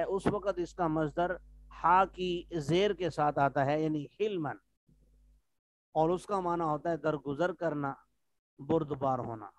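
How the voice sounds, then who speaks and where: A man's voice: fairly high pitch, no echo. A man teaching an online religious lesson, patiently explaining Arabic words and checking in with his students.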